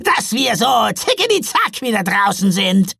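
A woman voicing a gang of loud, cheeky young troll brothers in a storybook reading, pitching her voice high and shouting. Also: very animated, measured pace, gravelly, breathy edge, no echo, studio quality, exaggerated voice. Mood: rowdy.

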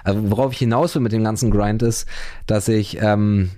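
Guy in his 30s, casual slangy chat, kinda flat monotone, dry close sound. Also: on the low side, moderate pace, dry recording. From Berlin, Germany. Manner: relaxed slangy rambling, many fillers.

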